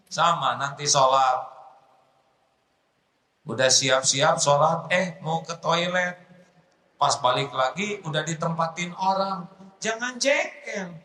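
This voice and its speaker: A man's voice: sits high, sharp tone. A man preaching a humorous sermon to an audience, acting out little scenes and sighing astagfirullah often. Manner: playful, acts out little scenes, frequent sighs of astagfirullah. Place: large hall before an audience. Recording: echoey hall with faint noise.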